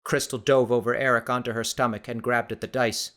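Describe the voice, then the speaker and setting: A male audiobook narrator reading a suspenseful story. His delivery stays steady and measured throughout. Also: medium pitch. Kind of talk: scripted narration.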